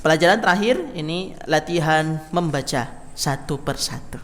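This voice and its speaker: A man's voice: fairly high pitch, normal speed, in a large hall, slight background noise. A man teaching a Quran recitation class in a mosque, counting the group in and demonstrating how letters are read. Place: mosque hall. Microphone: microphone in a hall.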